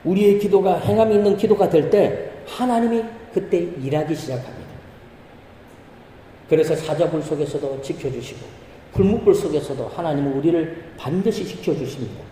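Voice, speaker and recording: A male pastor preaches in a high, very dark and mellow voice, asking the congregation questions and acting out prayers. He is heard from far off in a church hall with long, heavy reverb. A faint room hum sits behind him. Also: normal speed. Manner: preaching with emphatic rises, rhetorical questions and acted prayers. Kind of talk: sermon. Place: church sanctuary.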